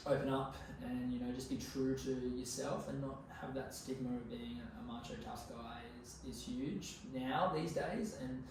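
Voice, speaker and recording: This podcast guest is an Australian from Queensland, in his twenties, talking casually with plenty of slang and swearing. He has a mid-range voice with fairly even intonation and keeps a moderate pace with few pauses. A distant mic picks him up in a very echoey, noisy room.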